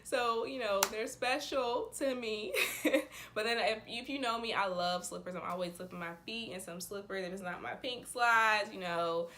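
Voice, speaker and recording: A woman's voice: medium pitch, moderate pace, few pauses, bright, forceful tone, slight background noise. A woman in her twenties chatting casually to camera in a bubbly, enthusiastic sorority-girl manner. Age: 20s. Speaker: vlogger, sorority member.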